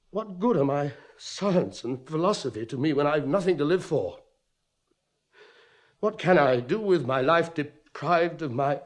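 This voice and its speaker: A man with a mid-range voice performs a 1950s radio drama role: a middle-aged cavalry captain who is anguished, tormented and suspicious. He delivers the lines with bitter passion.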